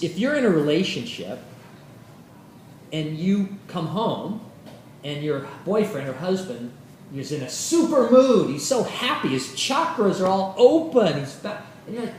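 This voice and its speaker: A man teaching a yoga class in a casual, animated lecture, his pitch swinging widely as he acts out little quoted exchanges. He sits a bit high for a man and speaks from some distance off the mic. The room is very echoey, with a faint hiss underneath. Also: measured pace. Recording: roomy echo from a far mic.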